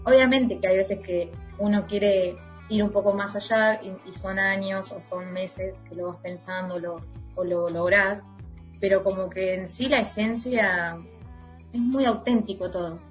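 A woman's voice: mid-range voice, fairly even intonation, unhurried, soft background music, rough recording. A woman singer with an Argentine Spanish accent, chatting casually as an interview guest, laughing often and using many fillers.

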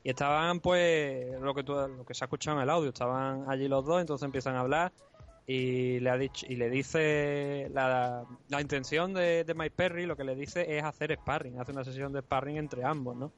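A man's voice: mid-range voice, steady tone, moderate pace, highs cut off, faint music behind. A man hosting a casual sports chat, rambling with many restarts. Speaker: podcast co-host.

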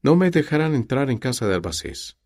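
A man's voice: medium pitch, big pitch swings, normal speed, darkish tone, pitched above the performer's own voice. A man voicing a melancholy young male priest in an audiobook, gloomy and anxious.

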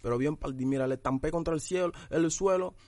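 A young man speaks in a slightly high voice. He is a rapper guest in a casual interview, blunt and tough, checking in with the listener again and again. The sound is very dry and close. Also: fast, darkish tone, no echo. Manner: blunt, tough street talk with repeated tag questions.

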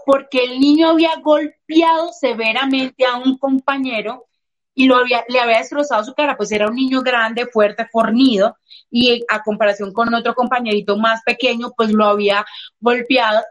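A woman coach talking casually in an interview, telling stories and acting out what people say. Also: fairly high pitch. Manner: expressive storyteller, acts out quoted voices. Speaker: emotional coach.

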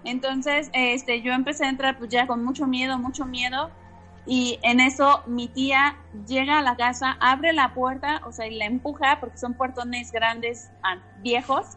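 Bright, higher-voiced woman recounting. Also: steady tone, measured pace, faint music behind. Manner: rambling, repeats words, many fillers. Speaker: interviewee. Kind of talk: telling a personal story.

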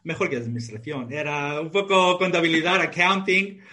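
A man in his forties from Australia, a native English speaker, talking as a guest in a casual interview and pausing to search for Spanish words. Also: fairly high pitch, steady tone, pushed and bright.

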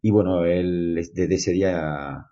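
A Spanish man from Granada, a mountain runner and mountaineer, telling his story in an interview with a Spanish accent tinged by Argentina, rambling with many restarts, his voice swinging between loud and quiet. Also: low voice, fairly even intonation, takes it slowly, dull audio. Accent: Spanish from Granada with a slight Argentine mix. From Spain.

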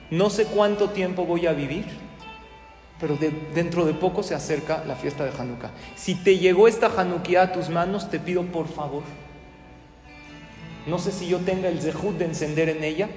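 A man telling a story as a sermon, acting out the characters' dialogue with lively emphasis. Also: on the high side. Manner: animated storyteller, acts out dialogue. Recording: echoey hall with soft guitar music.

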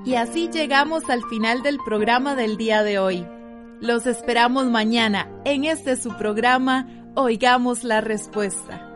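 A woman with a high voice reads a radio sign-off in a clear, announcing style. Music plays clearly beneath her. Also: measured pace. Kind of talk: scripted program sign-off.

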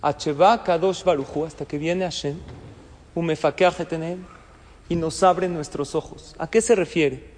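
A man's voice: a little high, moderate pace, darkish tone, long reverb tail. A man giving a sermon as a rabbi, telling stories and asking the listeners questions. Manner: storytelling with jokes and questions to the listeners. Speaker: rabbi and lecturer.

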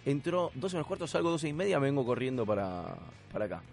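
A man's voice: mid-range voice, very animated, fast talker, vocal fry, darkish tone, soft background music. A man with a Rioplatense Spanish accent, hosting a casual comedic chat as a playful, rambling storyteller. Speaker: podcast host.

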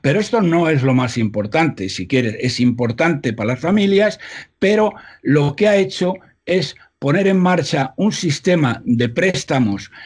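Husky man, emphatic guest. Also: mid-range voice. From Spain. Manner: emphatic, many filler "eh"s, slows down for figures. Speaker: interview guest. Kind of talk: remote interview commentary. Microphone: computer mic on a video call. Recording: hum leaking into computer mic.

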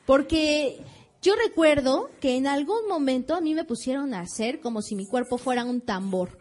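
A woman's voice: high-pitched, expressive, moderate pace, darkish tone. A woman with a Mexican accent hosting a children's radio show in an auditorium, energetically coaxing the kids to join in. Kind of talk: lively hosting before a child audience.

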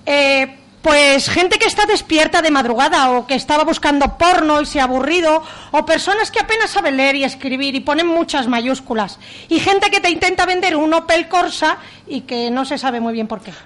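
Woman playing high-voiced male helper, earnest, matter-of-fact, comic radio drama. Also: animated, moderate pace, a bit bright. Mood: earnest, businesslike. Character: Néstor, earnest male assistant in a haunted mansion.

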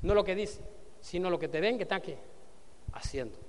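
A network marketing trainer leads a motivational business seminar, his high, expressive voice moving fairly quickly. He preaches to the room and quizzes the audience, having them answer and repeat after him, with a long reverb tail on the sound.

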